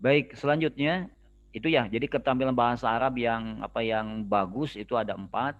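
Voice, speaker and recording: A man's voice: mid-range voice, a little fast. Sundanese-accented man lecturing, lo-fi sound. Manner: explanatory, repeats key terms, mixes in Arabic terms. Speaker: Islamic studies lecturer. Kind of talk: informal lecture.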